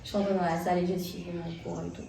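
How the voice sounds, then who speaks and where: A young woman telling a story in a casual, animated way, full of slang and restarts, as a vlogger. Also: on the low side, very fast, vocal fry, recorded from a distance, slight background noise. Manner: animated, excitable retelling with slang. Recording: roomy echo, set back from the mic.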